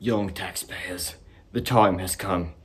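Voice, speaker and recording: A man playing a wise older father who mentors his son in kung fu, speaking slowly and grandly in an amateur comedy film. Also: sits low. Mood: solemn. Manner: solemn, slow and grand.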